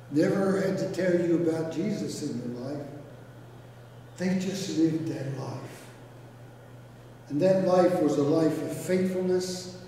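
An older man gives a graveside eulogy as a pastor, speaking in a folksy, plain-spoken way with long pauses. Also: on the high side, dark tone. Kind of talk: graveside funeral eulogy and sermon. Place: outdoor graveside service, recorded from a distance. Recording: echoey, noisy, captured from far off.

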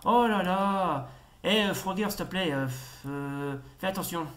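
Brief: young male retro-game reviewer, casual play commentary, bright voice, jumpy outbursts. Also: sits high, measured pace. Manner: excitable, stammering, swearing outbursts.

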